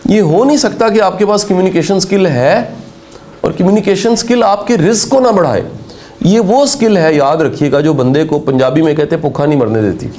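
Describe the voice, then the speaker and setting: A man's voice: high-pitched, a little mellow. A middle-aged man, giving a motivational talk emphatic delivery and rhetorical questions to his listeners. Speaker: motivational speaker.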